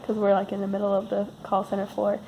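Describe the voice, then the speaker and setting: A woman's voice: medium pitch, monotone, fast, vocal fry, muffled recording, a little hiss or hum. A woman vlogger who sounds sick and losing her voice, telling a casual, rambling personal story with wry, self-deprecating understatement.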